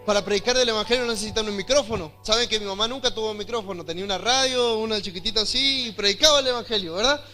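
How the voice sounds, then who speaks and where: Animated Argentine man preaching loudly. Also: sits high, racing, hardly any pauses, soft background music. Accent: Argentine Spanish. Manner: animated, often rising to loud emphatic preaching. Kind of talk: sermon with personal testimony.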